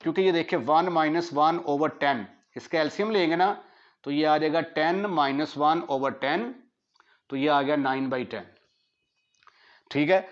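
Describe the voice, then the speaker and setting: A man with a Pakistani accent teaching maths in a classroom lecture, mixing Hindi-Urdu with English terms and asking students quick checks. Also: a little high. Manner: asks students rhetorical checks. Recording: dull lo-fi lecture audio.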